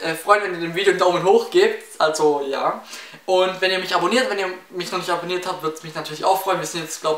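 A young man of seventeen with a high, somewhat bright voice and a Swabian accent answers viewer questions in a chatty, meandering casual Q&A vlog, heavy on fillers and restarts. He's from near Stuttgart in Baden-Württemberg and sits indoors in a small room in front of window blinds. The echoey room and slightly distant mic color the recording.

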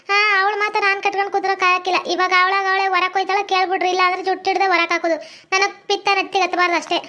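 A woman's voice: very high voice, sharp tone. A woman playing a harsh, scornful middle-aged mother-in-law in a family skit, with a North Karnataka accent. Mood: dismissive. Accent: North Karnataka Kannada. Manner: scornful, scolding, sing-song taunts. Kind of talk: family comedy skit acting.

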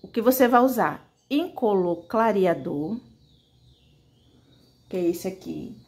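A woman's voice: mid-range voice, animated, a little fast, creaky. A woman leads a casual fabric painting lesson with her hands busy at the brush. She chats directly to her viewers in an easy, talkative way. The mic sits close to her voice. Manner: chatty, talks directly to viewers. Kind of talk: casual tutorial.

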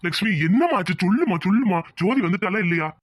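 A man doing a fast-talking protective elder brother. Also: high voice, lively intonation, no echo. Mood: firm. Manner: firm, reassuring, questioning. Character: protective elder brother, village head of family. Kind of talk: cartoon voice acting.

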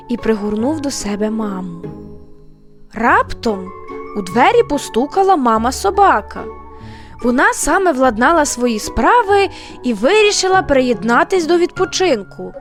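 A woman narrating an audio fairy tale in a gentle storytelling manner. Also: a little high.

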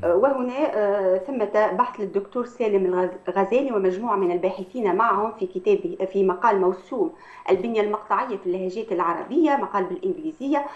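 A woman, an Arabic language professor, explains in a measured academic way and often pauses on hesitation sounds. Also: mid-range voice. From Tunisia. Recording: echoey, dull lo-fi sound.

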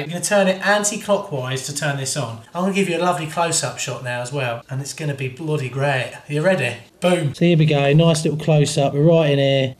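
A man in his thirties with a British accent, a plumber walking through a repair job at home in a chatty, jokey way. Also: on the high side. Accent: British English. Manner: chatty and jokey, cheeky asides. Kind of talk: hands-on plumbing tutorial. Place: inside a house, airing cupboard and rooms. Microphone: wide-angle camera held close or set on floor.

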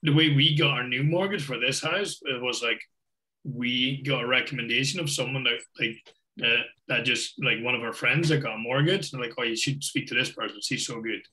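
Bright-voiced Scottish man on a video call. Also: medium pitch, brisk, rough recording. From Scotland. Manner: rambling, many fillers. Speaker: guest host. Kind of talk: casual video-call chat. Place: home office with bookshelves.

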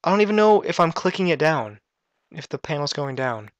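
A man's voice: fairly high pitch, big pitch swings, fairly quick, no echo, dull audio. A man chatting casually over a let's-play game, flustered at times and dry and offhand. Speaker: gameplay commentator.

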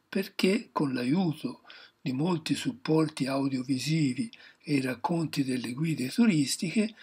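Man from Italy, husky voice, slow and measured scripted travel narration. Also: fairly high pitch. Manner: measured, informative reading.

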